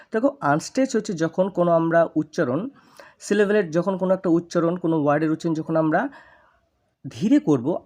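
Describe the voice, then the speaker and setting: A teacher giving an online literature lesson who explains step by step, tells students to look, and reads English lines slowly, syllable by syllable. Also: mid-range voice, darkish tone.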